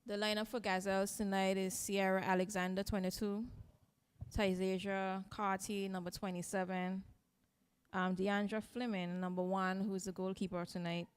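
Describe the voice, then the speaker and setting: Woman co-commentator reading names off a list, pretty monotone, clear voice. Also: mid-range voice, moderate pace. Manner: flat reading with small fillers. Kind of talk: reading team lineups.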